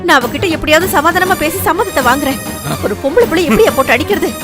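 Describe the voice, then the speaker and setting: A middle-aged woman dubbing a mother who gently soothes her crying daughter. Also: high-pitched, expressive, fast, music in the background. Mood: soothing. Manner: soothing, tender. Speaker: dubbing actress. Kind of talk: dubbed film acting.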